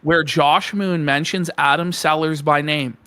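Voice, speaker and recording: A podcast co-host with a high-pitched voice rants in heated commentary. His tone is bright and cutting, and the talk is angry and full of profanity. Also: fairly even intonation, a little slow, smooth. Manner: angry ranting, profane, builds to shouting.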